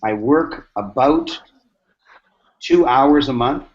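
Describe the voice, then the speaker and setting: A man's voice: mid-range voice, takes it slowly. Man acting out stories, lo-fi. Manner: animated, acts out dialogue, repeats lines for emphasis. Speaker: host. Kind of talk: mastermind talk, answering questions. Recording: dull lo-fi sound.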